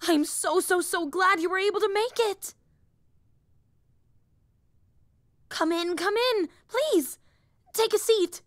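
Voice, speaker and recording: For an anime-style roleplay audio drama, a woman plays an excitable, high-voiced young superhero, this time at a measured pace and sounding relieved and grateful. The character is a nerdy, earnest rambler prone to getting flustered, apologizing, and cutting herself off. The close, dry recording has no echo or room sound.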